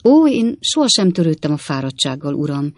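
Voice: medium pitch, sing-song, no room sound. A reader voicing an eager, fluttering middle-aged widowed landlady in an audiobook. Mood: flustered.

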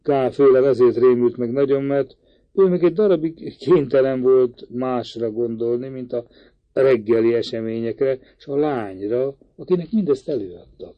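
A man narrating a novel as an audiobook in a measured, even reading. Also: mid-range voice, no echo. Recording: dry, slightly dull recording.

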